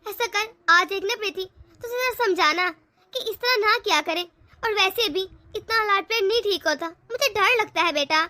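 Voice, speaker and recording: Stubborn old mother-in-law, scolding, nagging, high bright voice, dry sound. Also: moderate pace, dry recording.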